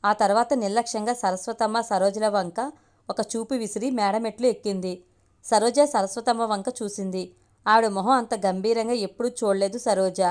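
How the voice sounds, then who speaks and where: A woman storyteller reading a family story aloud in a steady, expressive way. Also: mid-range voice. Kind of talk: scripted story narration.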